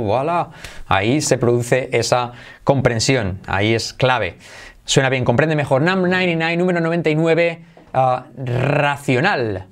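A man with a Spanish accent from Spain, teaching an online English lesson and repeating words slowly to drill pronunciation. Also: mid-range voice.

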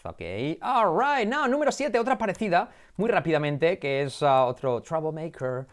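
A man's voice: a little high, normal speed. A man with a Spain Spanish accent teaching English pronunciation online, repeating English words over and over to drill them.

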